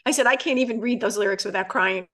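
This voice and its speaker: Reflective widowed woman, earnest and measured. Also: mid-range voice, fairly bright tone. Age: older. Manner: earnest, reflective, quotes lyrics with feeling. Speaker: guest. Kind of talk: podcast panel discussion.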